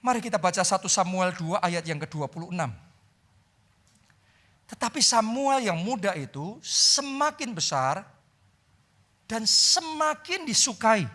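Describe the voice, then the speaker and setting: A male pastor preaching a sermon with an Indonesian accent, dramatic, moving from loud climaxes to hushed, prayerful lines. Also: very animated, measured pace, pauses often. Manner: dramatic preaching that swings from loud and high to soft and low.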